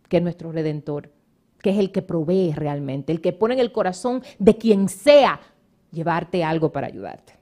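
Woman, middle-aged, pastor, sermon, very lively pitch, addresses congregation directly. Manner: animated, preaching at the congregation and teasing members by name.

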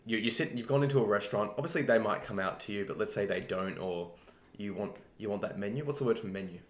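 A man's voice: lowish voice, fast talker, reverberant. A man co-hosting a casual chat, joking and repeating words as he starts sentences. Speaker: co-host.

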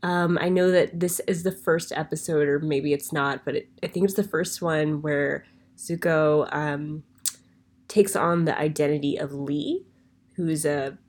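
Voicemail caller: woman with a low voice, over a phone line, thoughtful and rambling, lots of ums. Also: slightly rough. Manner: thoughtful, musing, with frequent ums and trailing phrases. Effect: heard over a phone line as a voicemail. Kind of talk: recorded listener voicemail.

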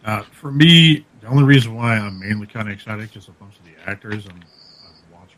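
Casual male co-host, lowish voice, halting delivery, audio glitching and dropping out over an online mic. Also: fairly bright tone, rough recording. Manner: halting, with fillers and restarts. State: voice giving out at times. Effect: glitching audio that keeps cutting out. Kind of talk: casual chat.

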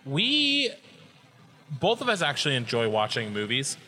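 A man's voice: medium pitch, huge pitch swings, unhurried, pushed and bright. A man co-hosting a podcast in casual, chatty, jokey conversation. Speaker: podcast co-host. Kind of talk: casual chat.

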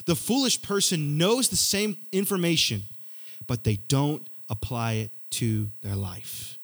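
Young male youth pastor, slightly high voice, lively repetitive church sermon. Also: a little slow. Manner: energetic, repetitive, conversational preaching.

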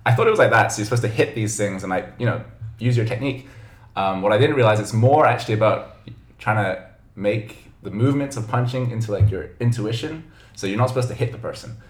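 A man from Hong Kong, a podcast guest telling stories in an easygoing, self-deprecating way. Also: on the low side. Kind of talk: casual podcast chat. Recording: roomy echo.

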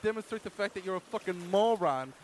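A man's voice: sits high, lively intonation, fairly quick, a little hiss or hum. A man doing improvised comedy as the exasperated straight man, swearing a lot.

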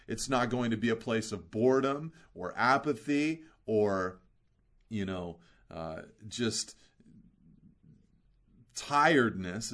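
A man preaching a sermon in an earnest way, slowing down to stress key words and asking rhetorical questions. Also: fairly low pitch, fairly bright tone. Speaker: pastor.

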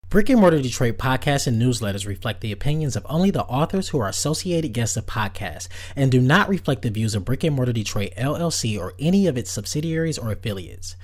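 A man with a husky voice hosting a podcast and reading announcements to listeners. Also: medium pitch, sing-song, quick pace, few pauses. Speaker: podcast host.

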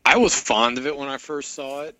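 A man co-hosting a casual podcast with dry, deadpan humor. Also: mid-range voice, brisk, no room sound. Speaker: podcast co-host.

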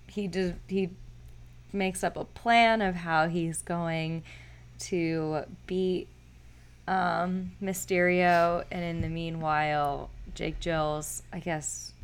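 A woman's voice: fairly low pitch, steady tone, takes it slowly, clean tone. A woman chatting casually as a podcast co-host, recapping a film with many fillers and restarts.

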